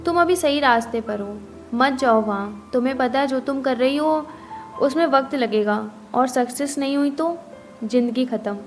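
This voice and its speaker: An anxious male parrot that stands for the mind and keeps warning and nagging, as a woman reads it in a storybook narration. The voice is high and insistent over faint music. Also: moderate pace, natural voice.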